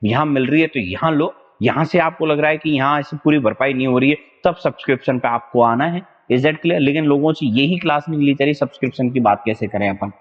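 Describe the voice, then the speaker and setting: Casual young male tutor, mid-pitched, repeats a pet phrase, jokey memory tricks; echoey, muffled classroom recording. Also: fairly quick, few pauses. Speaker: exam vocabulary teacher. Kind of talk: online lesson with whiteboard.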